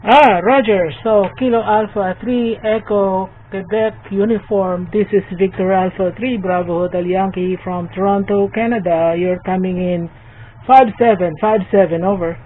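High-voiced man over fading shortwave radio. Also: fairly even intonation. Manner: halting, with frequent uh fillers. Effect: fading shortwave radio signal. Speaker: amateur radio operator. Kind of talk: ham radio contact exchange. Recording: narrow-band shortwave radio with faint static.

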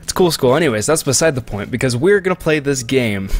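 A fast-talking man with a medium-pitched, lively voice casually commentates a game for viewers, joking and rambling in let's play fashion into a close desk microphone.

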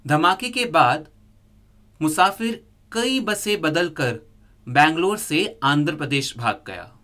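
A man reading a scripted news report as a voice-over, in a steady, measured way. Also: fairly high pitch.

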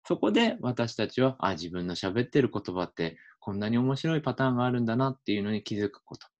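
A male linguistics researcher giving a relaxed explanatory lecture for a video and thinking aloud with plenty of fillers. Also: medium pitch, quick pace, highs cut off.

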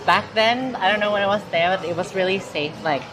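Wearing a lapel mic inside a large indoor mall, this thirtysomething woman from Thailand talks informally in an interview, her Thai-accented speech packed with fillers and false starts. She speaks fairly quickly in a mid-range voice over music, and the recording is rough.

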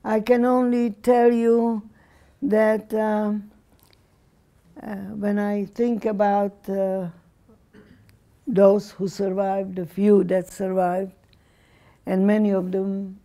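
A woman in her nineties gives a personal testimony as a survivor and lecturer, speaking haltingly with pauses and restarts. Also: medium pitch, flat delivery, dark tone. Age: 90s.

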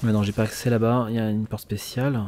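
A man giving casual let's play commentary in French, reacting excitably and swearing now and then. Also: on the low side, quick pace. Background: faint video game music.

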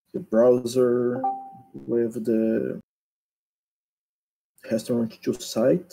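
A man in his thirties presenting a technical demo over a video call, talking haltingly and asking others to switch slides and screens. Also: medium pitch, gravelly, warm tone, rough recording. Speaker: presenter at an online developer meetup. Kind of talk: live technical demo talk.

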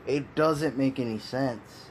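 Slowly and with a medium-pitched voice, a man delivers exasperated opinion commentary on video. He sighs, laughs, and says things more than once in his frustration, over slight background noise.

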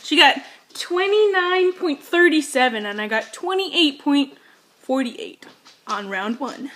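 A woman's voice: sits high, lively intonation, a little slow, fairly bright tone, a little hiss or hum. A young woman talking casually as co-host of a home vlog, seated a little back from the camera mic in a kitchen. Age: young adult. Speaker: vlogger co-hosting a challenge video. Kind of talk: casual chat. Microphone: device camera mic, seated slightly back.

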